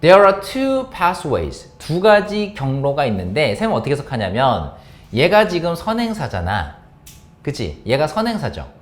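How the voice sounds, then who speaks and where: A man teaching English exam grammar to high school students in Korean, asking questions and answering them himself. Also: wildly swooping pitch, unhurried. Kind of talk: explaining an exam passage to students.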